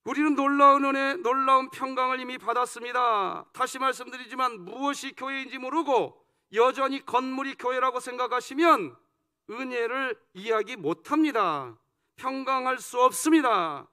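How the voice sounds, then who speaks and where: A man's voice: extremely high pitch, moderate pace, pushed and bright, clean tone. A male senior pastor preaching a sermon, leading the congregation in call-and-response and teasing them playfully. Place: church sanctuary.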